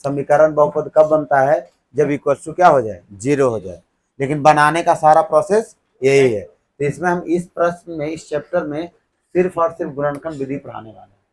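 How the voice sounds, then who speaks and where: Male teacher, slightly high voice, call-and-response classroom style. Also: normal speed, rough recording. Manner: keeps quizzing the class, then answering himself. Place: classroom with students.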